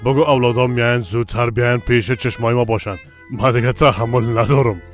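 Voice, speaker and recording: A man voicing a gruff stern father. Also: mid-range voice, steady tone, faint music behind, natural voice. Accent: Tajik. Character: stern middle-aged father, impatient with his children. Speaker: father and husband in a family drama. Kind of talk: dubbed television drama.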